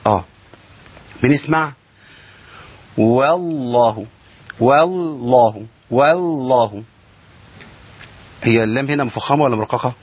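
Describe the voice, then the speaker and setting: A man's voice: mid-range voice, breathy edge, highs cut off. A man with an Egyptian accent teaching Quran recitation rules, explaining step by step and asking and answering his own questions. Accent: Egyptian Arabic. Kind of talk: tajweed lesson.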